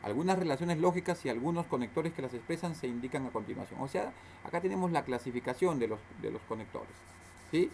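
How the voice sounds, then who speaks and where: A man's voice: mid-range voice, lively intonation, quick pace, creaky, a little mellow, a little hiss or hum. A male teacher, explaining a lesson aloud in a recorded class, repeating points and asking questions he then answers himself.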